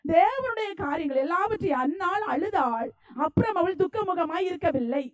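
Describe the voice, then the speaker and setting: A woman's voice: very high-pitched, expressive, normal speed, dull audio. A woman preacher from Tamil Nadu with a Tamil Nadu accent, delivering a fervent sermon and repeating phrases for emphasis.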